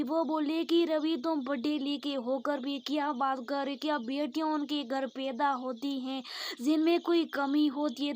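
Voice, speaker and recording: A woman narrating a moral story for a channel and reading every character's lines in her own soft, even voice. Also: high-pitched, a little hiss or hum.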